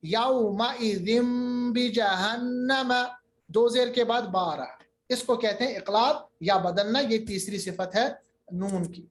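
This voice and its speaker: A man teaching a Quran recitation lesson over a video call, patiently repeating terms and drawing out his recited examples slowly. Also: high voice. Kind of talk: online tajweed lesson.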